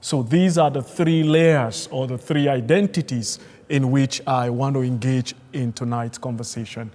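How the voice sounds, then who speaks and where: A man from Nigeria, an Anglican priest, speaking as a seminar panelist in a measured, hesitant way with many fillers. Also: medium pitch, steady tone, darkish tone. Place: large church hall. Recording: long hall reverb, mic at a distance.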